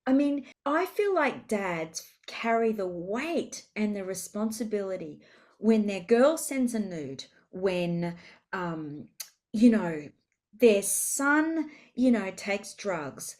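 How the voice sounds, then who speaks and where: A woman, a parenting specialist speaking as a podcast guest, animated and emphatic as she tells stories from her work with parents. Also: mid-range voice, takes it slowly. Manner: animated and emphatic, with vivid storytelling. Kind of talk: conversational interview.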